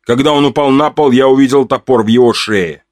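A man narrating a first-person story in a steady, plain way. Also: medium pitch, brisk, no echo, clean studio sound.

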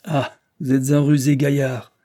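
A man voicing a gruff, nosy older male judge who bursts into loud fury. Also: mid-range voice, flat delivery, measured pace, voice pushed up, lightly acted. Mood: teasing, gossipy. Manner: bluster rising to fury.

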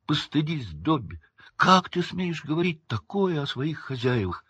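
A man voicing a devoted, tearful female house-elf who squeaks indignantly in broken grammar, in a storybook reading. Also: expressive, slow pace, breathy edge, no room sound, highs cut off. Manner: tearful, indignant, ungrammatical speech.

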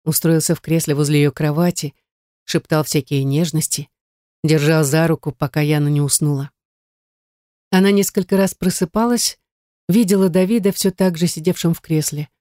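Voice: mid-range voice, normal speed, mellow, no room sound. Dramatic audiobook narrator, dry sound. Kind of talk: scripted narration.

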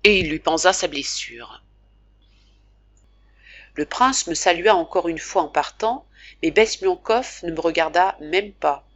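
Woman reading a novel in a low voice. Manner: measured, expressive reading. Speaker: audiobook narrator. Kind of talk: scripted narration of a classic novel.

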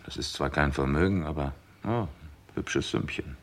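In a German radio crime drama, a male actor with a bass voice plays a composed, sceptical police chief inspector. He asks dry, measured questions in a probing manner.

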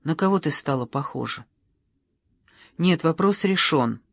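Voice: mid-range voice, normal speed, no echo, natural voice. A reader voicing a stern, curt woman. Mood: cool. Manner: curt, cold, scolding. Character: stern, commanding adult woman Anna.

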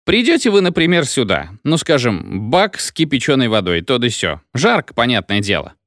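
A man's voice: mid-range voice, very animated, moderate pace, a bit bright, no echo, clean studio sound. A man voicing a drunken, pompous village medic who lectures in a rambling, hiccuping sing-song. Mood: tipsy lecturing.

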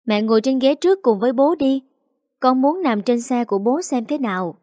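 A clingy chatterbox of a little girl, as a woman reader puts her on, wheedling her mum and dad in a high, sweet, pleading voice. The tone stays warm and mellow, close and dry, over faint background music. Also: animated, moderate pace, dry recording. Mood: eager.

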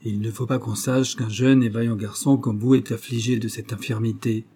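Male reader doing a detective, calm and secretive, commanding; dark husky voice, low and firm. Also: normal speed. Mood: hushed, firm.

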